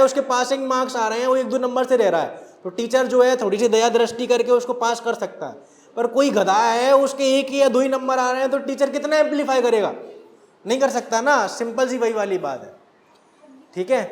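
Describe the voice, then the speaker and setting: Male teacher, very high voice, echoey classroom sound, asks and answers his own questions. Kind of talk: classroom lecture.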